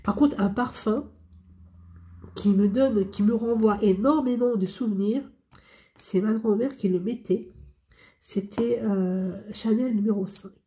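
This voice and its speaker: Woman vlogger, casual tag-video chat, candid and rambling, relaxed mellow tone. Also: mid-range voice, measured pace. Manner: candid, rambling, repeats herself. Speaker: hobby vlogger.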